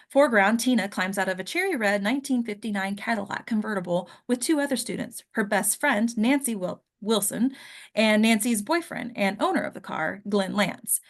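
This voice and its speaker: Her pitch sitting in the medium range, a woman narrates stage directions at a table read of a script, delivering them in a careful, descriptive, dramatic way.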